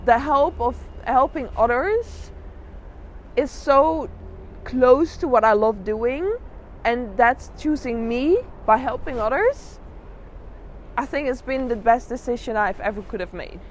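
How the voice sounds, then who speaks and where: Outdoors in a noisy urban spot with traffic, a woman gives a candid, reflective interview as a drag artist, telling her story with emphatic repeated phrases. Her voice is fairly high and slow.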